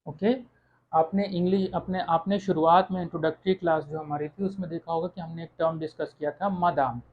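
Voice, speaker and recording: A teacher walks through French vowel sounds one at a time and repeats each word several times. The voice is of middle pitch and sits in a dull, lo-fi recording. The pace is patient, and "okay" comes after each point. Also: slight background noise. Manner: slow, repeats words, says "okay" often. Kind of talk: online language lesson.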